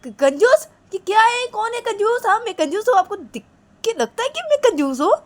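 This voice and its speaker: A woman voicing a hot-tempered young woman who shouts in outrage and repeats herself. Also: very high-pitched, very animated, moderate pace, voice pushed up. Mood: indignant shouting.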